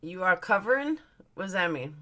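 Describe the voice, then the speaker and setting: Brisk and very animated, this livestream host in her 40s has a lowish, pushed, bright voice. She chats casually through viewer comments, answering them bluntly with occasional swearing.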